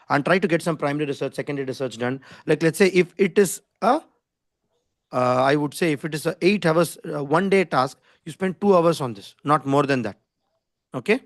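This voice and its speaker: A man with an Indian English accent teaches an online class at a rapid clip. His voice sits a little high and sounds dry and close. He explains insistently and informally, repeating points and often checking for understanding. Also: no room sound. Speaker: design skills instructor. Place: online video call with screen share.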